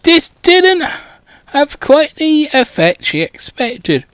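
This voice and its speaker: A man's voice: extremely high pitch, very animated, takes it slowly, a bit bright, no room sound. A man reading a parody audiobook, swearing and wandering into rambling asides. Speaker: comedic audiobook reader. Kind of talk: irreverent parody narration.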